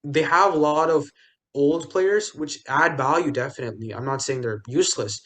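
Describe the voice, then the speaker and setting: A young man co-hosts a casual sports podcast, talking loosely with many fillers, restarts, and jokey asides. His voice is fairly high and a bit bright, at a moderate pace.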